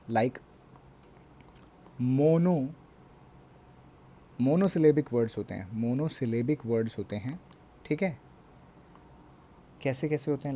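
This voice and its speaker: A man with an Indian English accent teaching a bilingual grammar lesson, explaining slowly and checking in with his class again and again. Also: medium pitch, mellow.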